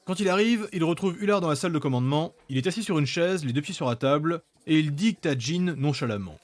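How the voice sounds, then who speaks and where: A man's voice: on the high side, animated, quick pace, no echo. A man reading scripted narration for a fantasy audio story.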